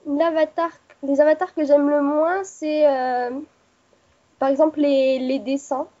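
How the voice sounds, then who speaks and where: A woman's voice: sits high, steady tone, a little slow, dark tone. A young woman, new to the radio team, answering questions hesitantly with many fillers. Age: young adult. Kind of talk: casual interview. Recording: dull lo-fi online audio.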